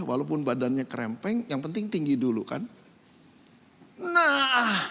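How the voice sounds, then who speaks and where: A man preaching a sermon, swinging between loud emphasis and soft asides. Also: extremely high pitch. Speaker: pastor. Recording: echoey hall with long reverb.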